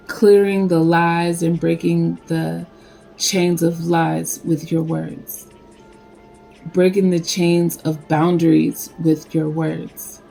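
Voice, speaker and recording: A woman giving a casual spiritual card reading, talking in a slow, meandering way with many fillers. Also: fairly low pitch, gravelly, dark tone, low-quality recording. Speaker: spiritual reader.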